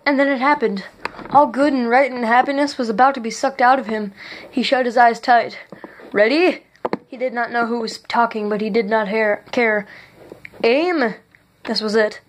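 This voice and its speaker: Higher-voiced woman reading her own story. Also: steady tone, fairly quick, slight background noise. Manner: earnest reading with stumbles and restarts. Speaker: author reading own book. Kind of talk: reading a self-written story aloud.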